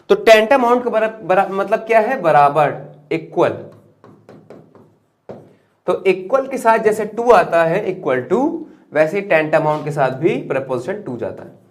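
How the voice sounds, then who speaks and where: In a classroom-style English vocabulary lesson, a high-voiced man repeats words to drill them in. He throws out rhetorical questions and refers to his viewers as children.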